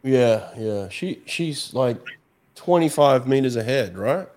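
A man's voice: mid-range voice, expressive, slow pace, a little mellow. Upbeat laid-back male stream host. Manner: laid-back, upbeat, calls guests champ and mate. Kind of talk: casual live-stream chat.

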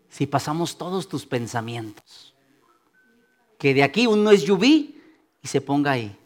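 Lively high-voiced male pastor preaching. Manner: lively preaching, acts out listeners' doubts in quick asides. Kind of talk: sermon.

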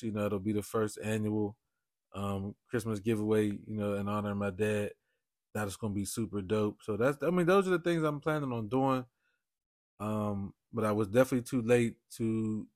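A man's voice: lowish voice, no room sound, clean studio sound. A man hosting his own podcast in a loose, rambling way, often tagging on "you know what I mean". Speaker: podcast host. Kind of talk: casual solo podcast talk.

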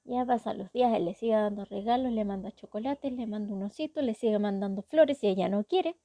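A woman's voice: medium pitch, fairly quick, dark tone, no room sound. A woman with a Chilean accent casually recapping a story, chatty and wry with indignant asides. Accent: Chilean Spanish.

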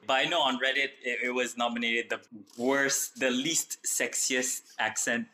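Bright-voiced, jokey podcast host. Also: male voice, medium pitch, steady tone, moderate pace, slight background noise. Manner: laughs often, jokey, swears. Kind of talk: casual chat.

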